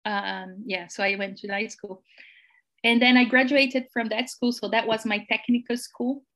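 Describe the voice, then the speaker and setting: A woman in her forties with a Brazilian Portuguese accent, telling her life story as a podcast guest in an earnest, measured way. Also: a little high, fairly even intonation, fairly bright tone. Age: 40s. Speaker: executive coach, podcast guest.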